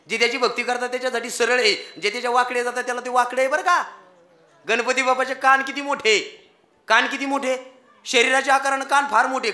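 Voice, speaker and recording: Male kirtan preacher, bright piercing tone, folksy joking storyteller. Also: extremely high pitch. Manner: folksy storytelling with jokes, addressing the crowd. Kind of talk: devotional kirtan sermon.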